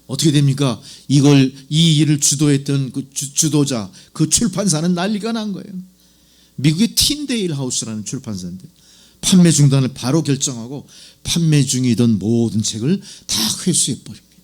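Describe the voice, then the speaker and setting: Animated pastor preaching a sermon. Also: male voice, a little high. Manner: animated, asks the congregation rhetorical questions; acts out doubters' voices in quoted asides.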